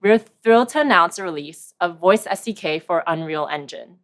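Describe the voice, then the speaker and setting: Woman presenter, low-ish voice, reading a tidy scripted product talk. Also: normal speed. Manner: clear, steady, rehearsed delivery. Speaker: conference presenter.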